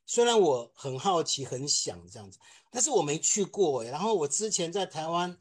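A man, a film director giving a lively testimony to a church congregation and acting out the people in his story. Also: fairly high pitch, moderate pace, slightly rough. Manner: animated storytelling, acts out quotes.

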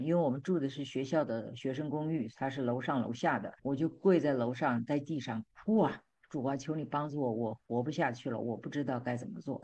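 A woman's voice: a bass voice, a little mellow. Earnest woman telling her testimony. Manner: earnest, emphatic storyteller. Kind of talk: personal testimony. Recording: slightly dull lo-fi recording.

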